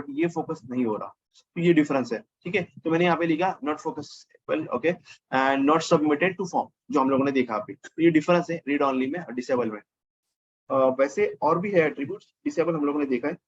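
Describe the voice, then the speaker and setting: A man's voice: on the high side, dull audio. A man teaching a casual coding lesson over his screen, thinking aloud and correcting himself as he goes. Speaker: programming teacher.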